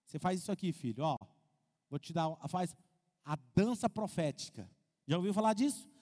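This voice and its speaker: A Brazilian pastor with a strikingly high voice preaches a lively sermon, firing questions at his congregation and acting out what people say. His words ring out with the long reverb of a large church hall. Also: moderate pace. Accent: Brazilian Portuguese. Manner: lively, asks the congregation questions, acts out quotes. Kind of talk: animated sermon.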